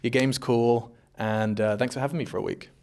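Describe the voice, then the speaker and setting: Brief: young guy, mid-pitched, loose joking guest banter. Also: steady tone, brisk, vocal fry, darkish tone. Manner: chatty, self-deprecating, joking. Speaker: esports caster, guest. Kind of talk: casual interview chat.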